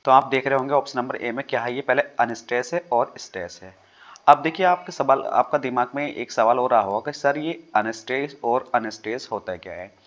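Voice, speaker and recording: A man's voice: medium pitch, a little fast, a bit bright, highs cut off. A man teaching English literature exam questions, explaining each answer step by step with worked examples and often checking in with his students. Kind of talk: exam-prep lesson on a YouTube channel. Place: home desk, recording over a screen with a drawing tablet.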